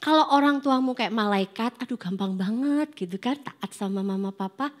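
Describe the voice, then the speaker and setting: A young woman gives a casual, lively youth sermon at a church service. She slips in and out of quoted excuses, putting on voices as she goes. Her voice sits fairly high. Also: normal speed. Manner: lively, acts out students' excuses in character voices. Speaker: youth preacher.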